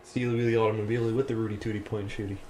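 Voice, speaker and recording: A man's voice: lowish voice, flat delivery, rapid-fire, a little mellow, a little hiss or hum. A man co-hosting a podcast, chatting in a goofy, playful way. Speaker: podcast co-host. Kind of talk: casual chat.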